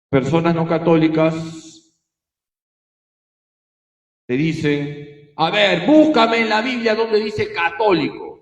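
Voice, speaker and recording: A man's voice: mid-range voice, a little mellow, roomy sound. A man, a priest, teaching a catechism class, emphatic and given to repeating key phrases. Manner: storytelling with acted quotes.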